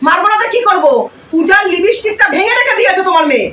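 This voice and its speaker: A woman playing a shrill nagging stepmother. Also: fast. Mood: shouting. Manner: shrill, nagging, shouting insults. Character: harsh scolding stepmother, middle-aged woman. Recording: roomy room, mic far off, faint noise.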